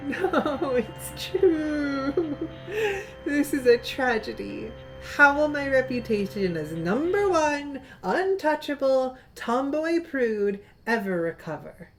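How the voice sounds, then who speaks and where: A tipsy, wry teenage girl at summer camp, read aloud by a woman. Her words drawl and slur in a fairly high, unhurried voice. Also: very animated, soft background music, heavily acted.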